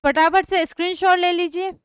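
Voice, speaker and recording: A woman's voice: extremely high pitch, fairly even intonation, fairly quick, dry recording, studio quality. A young woman teaching a chemistry class online, asking her students questions and checking that they follow. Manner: repeats questions to students, checks understanding often.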